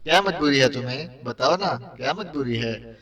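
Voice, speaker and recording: A man's voice: medium pitch, expressive, a bit bright, dull audio, lightly acted. A man voicing a fiery, jealous young female agent who scolds sharply, in an audiobook read from a distance. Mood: furious.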